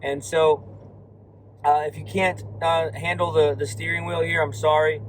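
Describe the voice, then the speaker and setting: Hoarse man vlogging from his car. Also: a little high, flat delivery, unhurried, poor audio. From Florida. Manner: rambling, many fillers and restarts. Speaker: card shop owner. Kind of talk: casual vlog while driving. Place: inside a moving car. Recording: faint car road noise.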